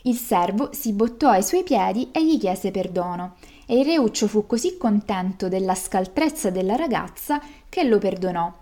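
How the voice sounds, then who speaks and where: A woman reading a folk tale aloud as a storyteller, in a lively, expressive way. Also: mid-range voice, normal speed.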